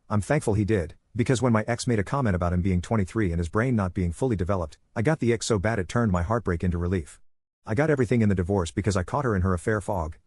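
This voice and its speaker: A man narrates an online story at a brisk clip, his voice slightly low and husky. He keeps a matter-of-fact storytelling manner throughout. The recording is dry, with no room sound. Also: a little mellow, no room sound.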